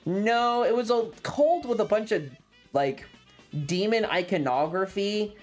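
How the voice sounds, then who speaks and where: With video game music playing, a variety game streamer tells chat a story in an animated, sweary, sardonic way, performing each line of dialogue. Their medium-pitched voice moves a little slowly and stays casual.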